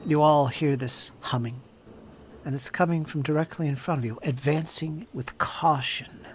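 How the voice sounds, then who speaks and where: A man running a tabletop game as game master, narrating scenes in a deliberate, descriptive way with a shifting pace. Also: fairly high pitch, steady tone, slight background noise.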